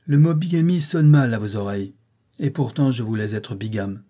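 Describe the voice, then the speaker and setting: Defiant proud nobleman voiced by a male reader, mellow timbre, impassioned, audiobook reading. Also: mid-range voice, moderate pace, natural voice. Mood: bitter. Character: brooding proud older nobleman, bitter and defiant.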